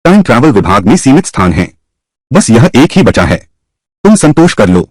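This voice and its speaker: A man's voice: mid-range voice, big pitch swings, moderate pace, darkish tone, no echo. A man voicing a weary old male god of death in a dubbed drama, grumbling and dismissive.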